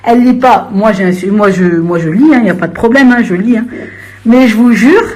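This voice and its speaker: Speaking fairly quickly with a slightly mellow voice, a young woman rants at viewers on a live stream. Her manner is confrontational and slangy, moving from low grumbling to shrill bursts.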